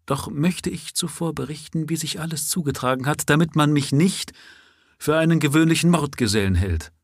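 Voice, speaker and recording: A man's voice: on the high side, normal speed, no room sound, clean studio sound, voice pushed up. A man reading aloud, voicing a dying male avenger who speaks earnestly in a raised voice.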